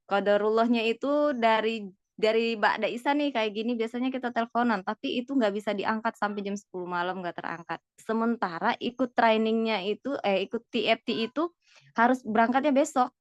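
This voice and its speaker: A woman's voice: a little high, fairly quick, dry recording. Earnest woman telling her story, dry dull sound. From Medan, North Sumatra, Indonesia. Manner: earnest storytelling with many fillers and restarts. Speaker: guest, certified trainer. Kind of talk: personal testimony in casual chat.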